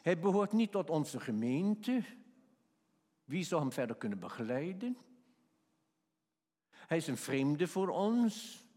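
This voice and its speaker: A man preaching a sermon and telling a personal story, swinging from quiet asides to emphatic peaks. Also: on the high side, slow, pauses often. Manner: animated, rising to emphatic peaks. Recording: long hall reverb.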